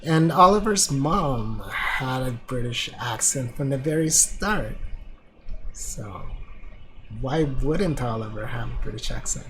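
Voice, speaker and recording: A man's voice: mid-range voice, animated, takes it slowly, fairly bright tone, a little hiss or hum, rough recording. A man giving casual, hesitant commentary while streaming a video game, rambling with many fillers into a streaming microphone. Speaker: let's play streamer.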